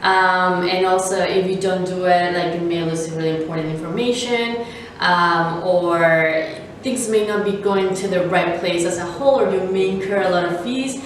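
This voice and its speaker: A woman from Venezuela, a startup founder, answering interview questions in a measured way with many fillers. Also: on the low side, very echoey, distant mic, slight background noise, low-quality recording.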